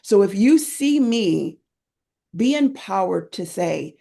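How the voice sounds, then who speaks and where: Woman, gravelly, medium pitch, enthusiastic, conversational interview guest. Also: slow. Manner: enthusiastic storyteller, lively swings in pitch when retelling scenes. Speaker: guest, end-of-life doula educator.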